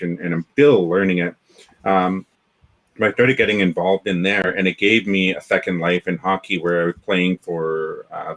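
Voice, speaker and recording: A man's voice: low voice, a bit bright, low-quality recording. A Canadian man talking as a guest on a video-call interview, rambling with many restarts and fillers. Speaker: guest, developer community founder. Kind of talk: casual interview chat.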